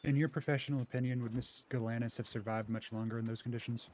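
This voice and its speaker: Man playing a brisk, formal courtroom questioner. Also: medium pitch, fairly even intonation, a little mellow, natural voice. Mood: formal, probing. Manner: formal, probing. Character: male trial lawyer, formal, methodical questioner. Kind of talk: improvised courtroom role-play questioning.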